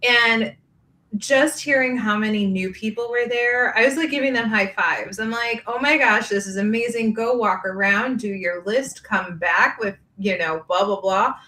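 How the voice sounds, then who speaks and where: A woman's voice: fairly high pitch, normal speed, bright, forceful tone. A woman hosting a casual podcast conversation, upbeat and rambling, laughing easily as she talks about running her grooming business. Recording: echoey room.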